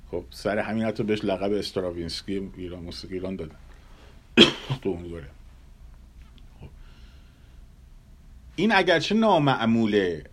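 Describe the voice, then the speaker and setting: A man giving a measured lecture on Persian classical music, pausing often and sometimes humming melodies to illustrate. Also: on the low side. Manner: hums and scats melodies to illustrate; measured, thoughtful delivery with pauses.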